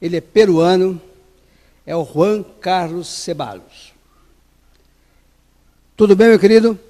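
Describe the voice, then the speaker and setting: A man's voice: high-pitched, slow pace, mellow, long reverb tail. A male TV host asking interview questions in an upbeat, emphatic way.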